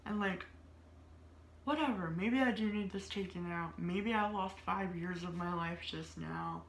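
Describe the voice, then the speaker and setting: A woman's voice: fairly low pitch, measured pace, gravelly, slight background noise. A woman in her thirties telling a story in a casual, rambling way, with many filler words and frequent laughter. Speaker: vlogger. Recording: roomy echo.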